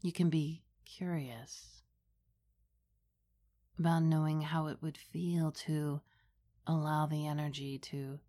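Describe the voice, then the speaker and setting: A woman leading a guided meditation as a meditation guide, speaking in a soothing, gentle, unhurried manner. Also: sits low, fairly even intonation.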